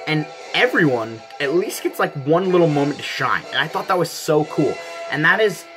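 A man's voice: a little high, very animated, normal speed, low-quality recording. Gushing young man reviewing a film. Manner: gushing, enthusiastic, frequent "like" fillers. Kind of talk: casual movie review. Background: background music.

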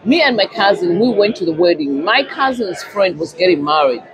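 A woman with a non-native English accent vlogging a casual chat at a restaurant, telling a story in a lively, chatty way. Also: lowish voice, normal speed. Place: busy restaurant. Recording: noisy restaurant crowd. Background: restaurant crowd chatter.

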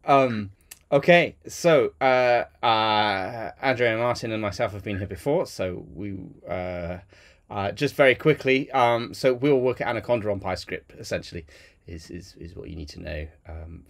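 A man's voice: fairly low pitch, unhurried. A man chairing an online community call in a chatty way, with many fillers, over a video call mic. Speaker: meeting chair.

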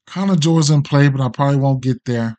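Here the middle-aged American betting host sounds warm, mid-range and brisk as he rambles casually on his livestream. He is hesitant and slangy, and he swears a lot.

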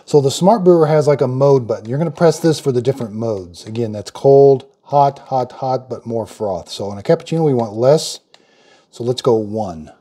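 A man's voice: mid-range voice, normal speed, dark tone, breathy edge. A middle-aged man giving a casual hands-on product demo in his home kitchen, thinking aloud in a plain-spoken way as he works. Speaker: product reviewer.

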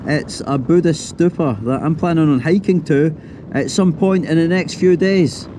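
A man's voice: on the high side, moderate pace, low-quality recording. Upbeat Scottish man over engine noise. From Scotland. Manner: enthusiastic, addresses viewers directly. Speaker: travel vlogger. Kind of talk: casual vlog narration. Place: helicopter over a lake, then outdoors at an airstrip. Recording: loud engine and outdoor noise.

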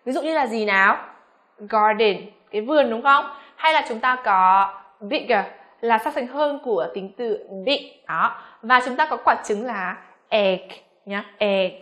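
Bright-voiced woman teaching pronunciation. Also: on the high side. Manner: addresses learners as "các em", frequent rhetorical questions; slows down to model English words slowly. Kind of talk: classroom-style pronunciation lesson.

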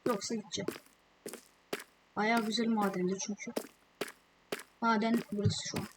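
A woman giving casual gameplay commentary, chatty and excitable, with slangy asides to her viewers. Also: mid-range voice, normal speed. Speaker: gamer. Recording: loud background noise with clicks.

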